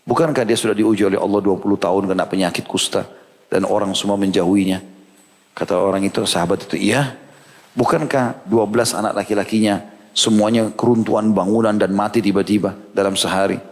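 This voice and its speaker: A man giving a sermon, telling a story with animated delivery and acting out the characters' lines. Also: fairly low pitch, brisk. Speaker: preacher. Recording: long hall reverb.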